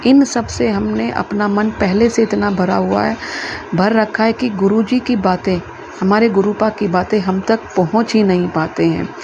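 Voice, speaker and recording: A muffled, noisy recording of a woman with a noticeably creaky voice. She speaks gently and patiently, like a spiritual teacher guiding listeners through a devotional discourse in simple, repeated phrases. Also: medium pitch, steady tone, measured pace. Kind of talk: devotional discourse with moral storytelling. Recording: muffled lo-fi with clear background noise.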